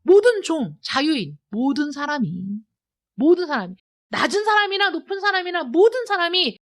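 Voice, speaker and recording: A woman pastor preaching a sermon in a church, emphatic and full of rhetorical questions, moving between loud urging and quiet asides. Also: extremely high pitch. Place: church sanctuary.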